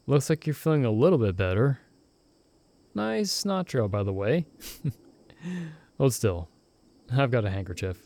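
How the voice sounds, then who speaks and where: A young man voices a loyal friend stranded in another world in a close-mic ASMR roleplay, speaking softly with gentle teasing and reassurance. His mid-range voice swings widely in pitch, and he takes it slowly with long pauses.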